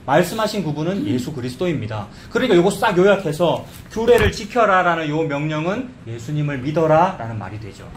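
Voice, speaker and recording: A man's voice: high-pitched, roomy sound, a little hiss or hum. A man preaching a sermon as pastor, in a conversational style. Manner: conversational preaching, acts out quoted voices. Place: church sanctuary.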